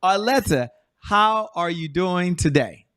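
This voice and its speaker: A man's voice: high-pitched, expressive, slow, a bit bright, smooth. A man hosting an entrepreneur interview show, enthusiastic and emphatic, repeating words for effect. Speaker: show host. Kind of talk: energetic interview talk.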